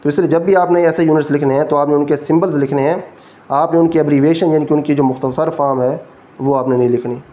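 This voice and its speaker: A man's voice: a little high, fairly even intonation, quick pace, dark tone, dull audio. A man with a Pakistani Urdu accent giving a physics lecture, explaining each rule step by step and checking in with his students. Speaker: physics teacher. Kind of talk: classroom lecture.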